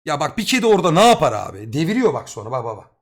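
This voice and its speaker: A young man tells a long personal story to his live stream audience, his voice sitting a little on the high side. He talks in loose street slang and swears freely, getting excitable as he goes. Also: rapid-fire. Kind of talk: casual storytelling to a live chat.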